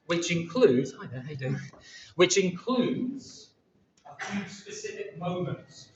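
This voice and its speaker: A man's voice: on the high side, fairly bright tone. A middle-aged man from England, a poet chatting with his audience at a live reading, joking and self-deprecating. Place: large seaside pavilion hall with audience. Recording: echoey hall, distant, dull and noisy.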